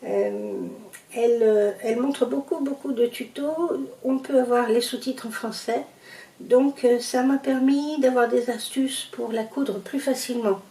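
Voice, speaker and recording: A sewing vlogger with a Parisian French accent casually shows and tells her sewing projects, hesitant and full of fillers. Her voice is on the high side, unhurried and mellow, but she's far from the mic in an echoey room, and the audio is poor.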